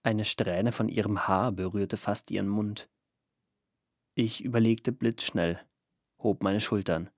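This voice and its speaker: Low gravelly guy calmly reading a story, dry close sound. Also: slow, dry recording. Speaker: audiobook narrator. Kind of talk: first-person story reading.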